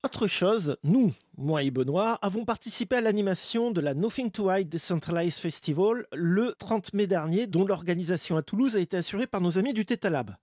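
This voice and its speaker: A man's voice: high-pitched, lively intonation, fairly quick, hardly any pauses, darkish tone, no echo, clean studio sound. A man presenting a semi-scripted radio chronicle with a wry, tongue-in-cheek manner.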